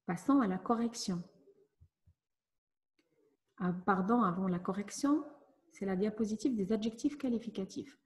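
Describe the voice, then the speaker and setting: A woman teacher giving a lesson to children, speaking slowly and clearly as she explains each step. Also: medium pitch, a little mellow. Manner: slow, clear, instructive. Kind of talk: classroom lesson narration.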